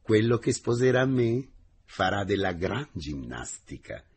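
A man voicing a brisk young schoolmistress. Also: sing-song, heavily acted. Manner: raised falsetto-like pitch, crisp retorts. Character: spirited young woman gymnastics teacher, firm.

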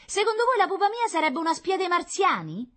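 A woman putting on a brash concierge, shrill and mocking. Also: expressive, moderate pace, fairly bright tone. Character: loud heavy older female Roman concierge, mocking.

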